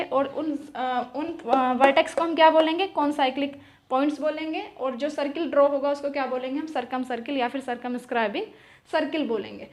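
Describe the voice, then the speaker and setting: High-voiced young woman, math lesson, asks then answers her own questions. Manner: asks questions and answers them herself, repeats key terms. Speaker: math teacher. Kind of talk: explaining at a whiteboard.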